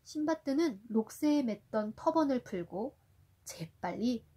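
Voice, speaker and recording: A woman reading a picture book aloud to a toddler in an expressive storytelling style. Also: on the high side, normal speed, breathy edge.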